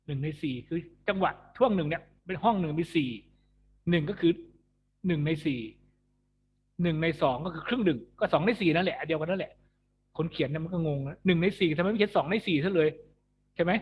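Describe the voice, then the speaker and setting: A man's voice: on the high side, lo-fi sound, slight background noise. A man teaching a music lesson, chatty and joking, laughing at his own jokes. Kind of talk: recorded online lesson. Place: alone in an empty school building.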